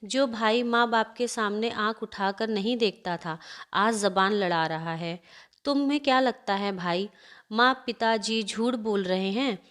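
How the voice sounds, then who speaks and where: A woman's voice: medium pitch, measured pace, fairly bright tone, natural voice. A woman voicing a young woman who tearfully accuses her brother in a family story. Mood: accusing. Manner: accusing, sobbing.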